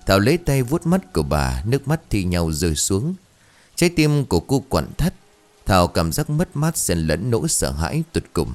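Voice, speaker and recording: Deep-voiced man telling a ghost story. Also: very animated, moderate pace, darkish tone, faint music behind. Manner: dramatic, suspenseful telling. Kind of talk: scripted ghost story narration.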